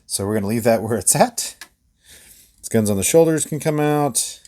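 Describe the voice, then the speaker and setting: A man talks through a hands-on toy review in a loose, casual way. He fills the gaps with "uh" and "yeah" and laughs quietly to himself. His voice sits at an ordinary middle pitch. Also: normal speed. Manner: relaxed, rambling, many fillers and small laughs.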